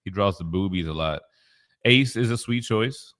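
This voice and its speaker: A man in his thirties co-hosting a live stream, casually chatting and reading viewer comments aloud in a relaxed, joking way. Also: fairly low pitch, moderate pace. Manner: reads chat comments aloud, laid-back and joking. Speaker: co-host.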